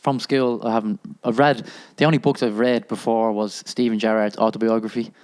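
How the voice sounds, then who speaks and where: A man's voice: lowish voice, level tone, a little fast, darkish tone, smooth. A man on a podcast, talking in casual chat and rambling hesitantly with many fillers and restarts.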